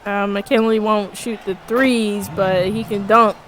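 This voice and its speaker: A woman's voice: medium pitch, steady tone, slow, slight background noise. A woman doing casual color commentary, chatty and giggly, with many fillers and hesitations.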